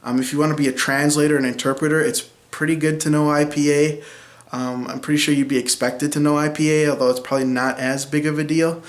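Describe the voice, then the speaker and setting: A man's voice: fairly high pitch, level tone, fast. Man, Minnesotan accent, twenties, casual lesson, chatty, filler-heavy, echoey room. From central Minnesota. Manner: chatty, frequent ums, laughs at own remarks. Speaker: linguistics video host. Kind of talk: casual educational talk.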